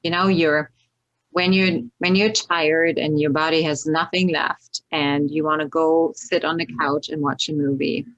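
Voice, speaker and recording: A woman's voice: low-pitched, steady tone, unhurried, a bit bright, muffled recording. A woman hosting a podcast interview, asking casual questions and answering with encouraging short replies. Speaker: podcast host.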